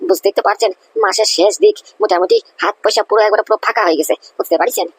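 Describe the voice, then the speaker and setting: Performer doing a wheedling cartoon sidekick, hesitant, very fast, lively pitch. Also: creaky, breathy edge, heavily acted. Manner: hesitant, fawning, filler-heavy. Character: wheedling young male sidekick asking for money. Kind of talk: cartoon comedy voice acting.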